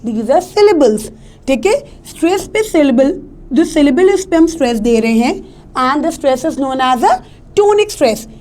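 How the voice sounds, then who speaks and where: A woman teaches a lesson, switching between Hindi and as she goes. Her voice sits high and her delivery is slow and deliberate. She keeps checking that her students are following. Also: very animated, a little mellow. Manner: mixes Hindi and English, asks checking questions. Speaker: English teacher. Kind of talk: classroom lecture.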